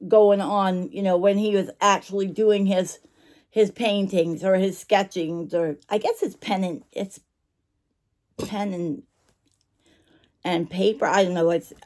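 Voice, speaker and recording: A woman's voice: mid-range voice, a little mellow. A woman chatting casually to camera like a vlogger showing her shop finds, rambling and apologetic, interrupting herself and chewing gum while she talks. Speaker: online vintage shop owner and vlogger.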